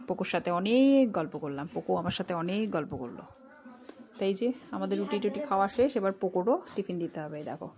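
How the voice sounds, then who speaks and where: A woman's voice: mid-range voice, mellow, slight background noise. A middle-aged woman, chatting casually to viewers in a home vlog while doing kitchen chores. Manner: chatty, homely, addresses viewers directly. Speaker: vlogger.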